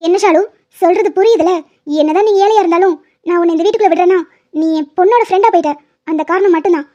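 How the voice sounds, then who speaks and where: Lady doing a snooty rich mom, squeaky high voice, dull lo-fi audio. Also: quick pace, mellow. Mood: condescending. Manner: condescending, warning. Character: haughty rich mother, cold and scornful.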